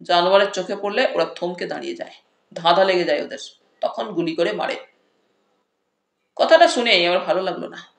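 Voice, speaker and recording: A woman narrating a comic audiobook story in the first person, with a lively storytelling manner. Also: on the low side, fairly quick, gravelly, pauses often. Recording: roomy echo.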